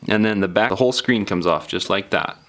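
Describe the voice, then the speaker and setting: A man with a lowish, fairly bright voice narrates a DIY phone repair tutorial a little fast. His casual step-by-step instructions are informal, plain-spoken and explanatory.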